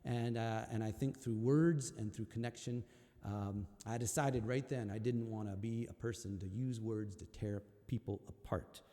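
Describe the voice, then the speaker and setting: A man, a folk singer at a live-streamed concert, telling a personal story in a slow, hushed and reflective way, with halting repeats. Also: fairly low pitch, fairly even intonation, in a large hall.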